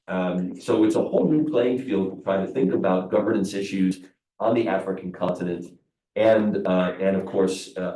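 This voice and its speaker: A man's voice: deep voice, mellow. A man with the sniffles, speaking through a face mask as he hosts and gives a hesitant, semi-formal introduction speech at a seminar. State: sniffly with a cold. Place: seminar room with a seated audience. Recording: echoey room, distant microphone.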